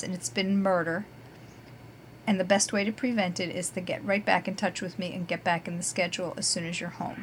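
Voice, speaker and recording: An upbeat woman guitar teacher presents her podcast segments in a chatty, emphatic way. Her voice sits at an ordinary middle pitch. A faint hiss of noise runs under the recording. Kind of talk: casual scripted podcast segments.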